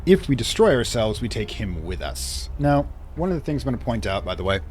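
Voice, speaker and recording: A man's voice: mid-range voice, sing-song, a little fast, darkish tone, a little hiss or hum. A man doing casual game commentary, rambling and thinking aloud as he plays. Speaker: let's play commentator.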